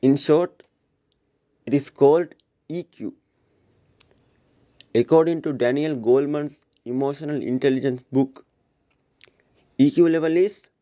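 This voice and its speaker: Slow, earnest man giving a school speech. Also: on the high side, mellow, muffled recording. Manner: earnest, deliberate, addressing listeners directly. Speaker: speaker at a school assembly. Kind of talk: prepared motivational school speech.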